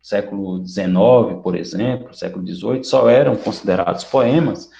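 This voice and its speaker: A male teacher explaining a lesson to students, often checking in with quick questions. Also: lowish voice, vocal fry, dark tone. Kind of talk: recorded online lesson. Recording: roomy, dull lo-fi sound.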